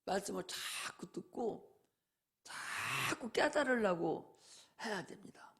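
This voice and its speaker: A man's voice: sits high, expressive, slow, creaky, fairly bright tone. A male pastor preaching a sermon in a folksy way, often asking rhetorical questions.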